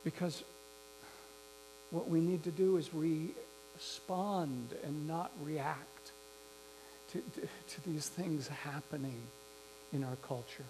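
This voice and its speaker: A man preaching a sermon, telling a story slowly and reflectively with some restarts. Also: fairly high pitch. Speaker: pastor. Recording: faint mains hum.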